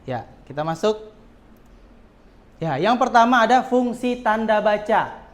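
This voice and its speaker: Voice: mid-range voice, expressive, a little slow. Teacher quizzing a class of children. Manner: quizzes pupils often, with frequent tag "ya". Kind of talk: classroom lesson.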